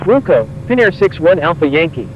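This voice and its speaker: A man reading back air traffic clearances as a pilot over a cockpit headset radio, in clipped, even radio phrasing. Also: fairly high pitch, brisk, highs cut off.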